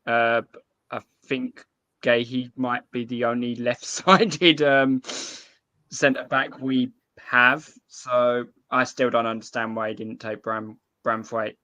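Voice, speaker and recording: Lad on a footie chat, slow and even, clear voice, bit muffled audio. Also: male voice, mid-range voice. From Essex, England. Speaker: guest football fan. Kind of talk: casual football chat.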